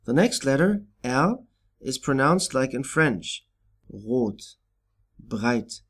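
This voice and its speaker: A man narrating a pronunciation lesson in a slow, deliberate way, pausing on each example word. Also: mid-range voice, animated, a bit bright. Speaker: language teacher. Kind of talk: scripted instructional narration.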